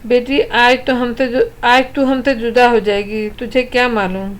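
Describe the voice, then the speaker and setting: A woman's voice: fairly high pitch, flat delivery, close to an everyday voice. Woman reading as a tender worried mother. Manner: tender, anxious, soothing. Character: worried loving middle-aged mother. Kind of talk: storybook reading.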